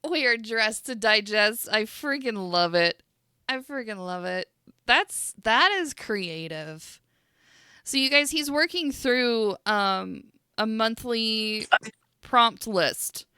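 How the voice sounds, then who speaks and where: A woman's voice: a little high, lively intonation, takes it slowly, sharp tone, clear, resonant tone, no echo, clean studio sound. A woman co-host who chats casually and reacts to a man's drawings with gushing enthusiasm. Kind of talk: casual chat.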